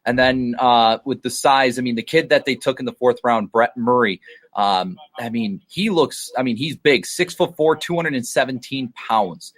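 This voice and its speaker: A man's voice: medium pitch, normal speed. Casual man talking hockey prospects. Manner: hedging, filler-heavy analysis. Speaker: podcast co-host. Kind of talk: casual sports podcast chat.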